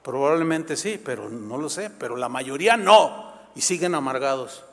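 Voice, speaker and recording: A man preaching a sermon as pastor, telling a story with animated, emphatic delivery. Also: mid-range voice, normal speed. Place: church. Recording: long reverb in a church hall.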